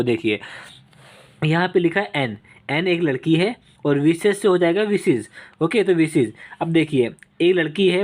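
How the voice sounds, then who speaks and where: A man teaches vocabulary in a recorded online lesson. His voice sits a little high, and he works through each word with slow, repeated examples. He keeps checking in with the viewer as he explains. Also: a little mellow.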